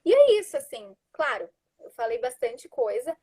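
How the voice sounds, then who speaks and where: A woman with a Brazilian Portuguese accent, explaining positive discipline on a live video call in a calm, instructive way. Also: a little high, moderate pace, husky. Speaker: guest parenting educator.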